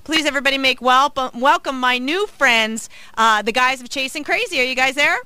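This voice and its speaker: A woman's voice: high voice, a little fast, pushed and bright, smooth, no room sound. A woman hosting a casual radio interview, chatty and upbeat, with plenty of filler words. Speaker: radio host. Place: radio studio.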